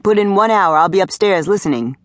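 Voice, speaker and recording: A woman's voice: mid-range voice, expressive, a little fast, no echo, natural voice. A woman voicing an old-school musician father who speaks firmly to his daughter. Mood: stern. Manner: firm, scolding.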